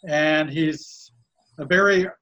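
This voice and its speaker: A man from Canada in a casual conversation, introducing friends in a halting, complimentary way. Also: a little high, fairly bright tone, muffled recording. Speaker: guest and co-host introducing friends.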